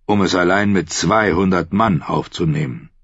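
Man reading as a cynical, mocking knight, deep and husky, dry sound. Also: normal speed, dry recording. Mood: sardonic. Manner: dry, sardonic. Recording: dry, slightly dull studio audio.

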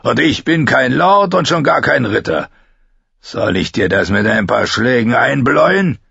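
A man voicing a drunk, scarred, brutal guard who taunts in slow, slurred, drawn-out phrases, in a slightly dull recording. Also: medium pitch, expressive, creaky, pushed and bright, slightly rough, no room sound, voice pushed up, full character voice. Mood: drunken.

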